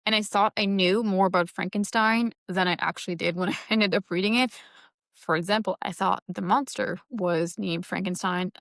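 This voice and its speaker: A young book vlogger from Mauritius, whose first language is Mauritian Creole, chats casually about her reading plans, thinking aloud with a light, self-deprecating touch. Her voice is medium-pitched and a bit bright, recorded as clean studio sound with no echo.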